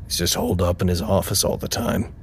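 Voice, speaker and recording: An actor playing a hesitant coworker who worries about a colleague. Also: male voice, deep voice, monotone, brisk, breathy edge. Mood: worried.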